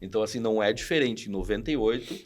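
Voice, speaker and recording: A man in his forties from Rio Grande do Sul, Brazil, speaking with a southern Brazilian Portuguese accent, appears as a podcast guest and studio founder telling old stories in casual chat. His voice is on the low side and rapid-fire, and he's animated and slangy, acting out what people said.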